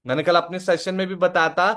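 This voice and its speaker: A young man with a notably high voice leads a live online training session. He talks in an instructive way, repeats his key points, and keeps asking the audience whether they follow. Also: level tone, a little fast, a bit bright. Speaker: sales trainer.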